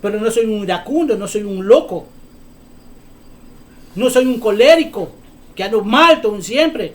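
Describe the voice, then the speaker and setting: A man preaching a sermon, fervent and often shouting, firing off rhetorical questions. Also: high voice, animated, unhurried.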